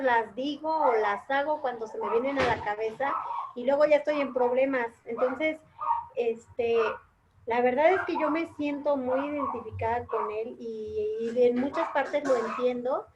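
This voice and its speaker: High-voiced woman on a noisy, dull line. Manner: candid, self-reflective. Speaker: study group participant. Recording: dull mic with loud background noise.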